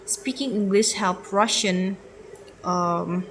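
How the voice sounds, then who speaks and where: A woman's voice: medium pitch, fairly even intonation, slow pace, a little hiss or hum, low-quality recording. A young woman giving a class presentation from slides, hesitant, with fillers and self-corrections. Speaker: student presenter.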